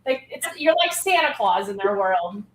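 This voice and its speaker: A woman's voice: mid-range voice, big pitch swings, normal speed, slight background noise. A woman guest on a podcast, explaining school nursing work in an upbeat way with many fillers. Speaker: school health program guest. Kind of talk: casual interview chat. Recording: echoey room.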